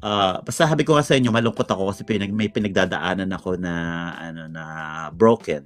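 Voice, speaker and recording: A man's voice: deep voice, a little fast. A man from the Philippines telling a long personal story in casual chat, rambling with many restarts. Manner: rambling, code-switching Tagalog and English, many restarts. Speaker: podcast guest telling a story.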